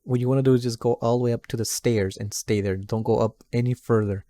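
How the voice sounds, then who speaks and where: A man's voice: medium pitch, fairly even intonation, quick pace, warm tone. A man talking casually as a streamer reacting to a video, rambling and repeating himself. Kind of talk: casual live reaction commentary.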